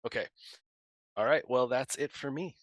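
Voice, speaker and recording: A man playing a board game on a live stream, thinking out loud about his moves, joking and laughing easily. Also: mid-range voice, normal speed, dry recording. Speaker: guest player. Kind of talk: casual livestream chat while playing.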